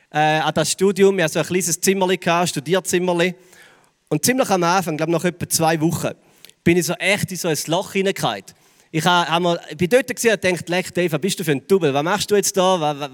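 A man with a Swiss German accent gives an earnest personal testimony to young people as a preacher. He talks haltingly and turns soft and slow on key phrases. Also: high voice. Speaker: youth preacher. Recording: long hall reverb.

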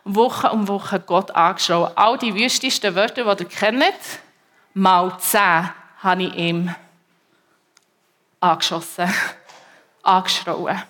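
A woman preacher with a Swiss German accent gives a personal faith testimony to a congregation, her delivery emotional, halting and repetitive. Her voice is mid-range and a bit bright, with fairly even intonation.

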